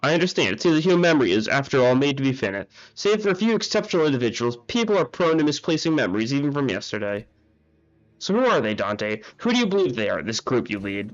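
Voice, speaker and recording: A man's voice: medium pitch, very animated, fast talker, natural voice. A man voicing a cold, condescending male researcher who talks in a formal, lecturing way, heard on muffled audio with faint game music.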